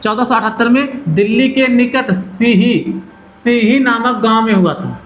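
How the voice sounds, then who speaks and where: High-voiced teacher drilling facts. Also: male voice, measured pace. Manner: repeats questions to students and answers them. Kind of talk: exam-oriented lesson.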